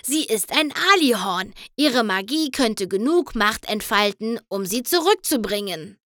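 A grumpy old storybook mare grumbles her opinion, voiced by a woman reading aloud. Slow, surly and dry, close to the mic. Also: on the high side, expressive, fairly bright tone, no room sound. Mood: grumbling.

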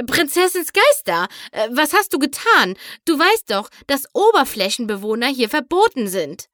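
A woman's voice: fairly high pitch, normal speed, fairly bright tone, dry recording, studio quality, natural voice. A woman voicing a stern, exasperated seapony queen and mother in a storybook. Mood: alarmed. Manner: exasperated, then alarmed.

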